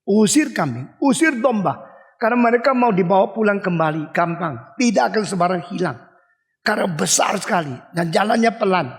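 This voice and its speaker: An older man preaching a lively sermon, asking his listeners questions and acting out the people and animals in his story. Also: high-pitched, normal speed. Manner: animated, acts out voices and dog barks, asks the audience questions. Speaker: pastor. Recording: long hall reverb.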